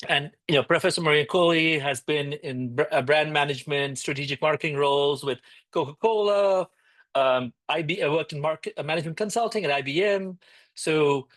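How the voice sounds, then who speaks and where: Man, event host, halting intro with restarts, dry close sound. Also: medium pitch, a bit bright, no echo. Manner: halting, with many fillers and restarts. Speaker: alumni network president, event host. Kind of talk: introducing a speaker.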